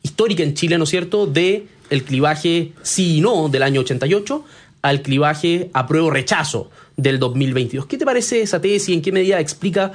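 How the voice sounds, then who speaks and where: Male interviewer, slightly high voice, measured. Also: lively intonation. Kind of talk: interview questions.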